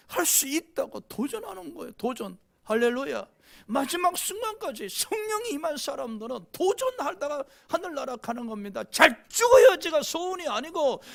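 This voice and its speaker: Gravelly, impassioned church preacher. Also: medium pitch. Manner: impassioned preaching, frequent rhetorical "eh?" prompts to the congregation. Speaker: pastor. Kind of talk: sermon.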